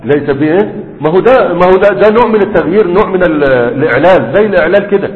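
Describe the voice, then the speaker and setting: A man's voice: high voice, animated, racing. A man with an Egyptian Arabic accent teaching a classroom lesson, explaining a text and asking and answering his own questions. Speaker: sheikh teaching Arabic morphology. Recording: muffled lecture recording with long hall echo.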